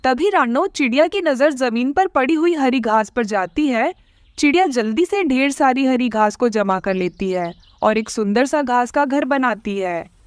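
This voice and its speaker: A woman narrating a cartoon story in an expressive, storytelling way. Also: sits high, unhurried, dry recording.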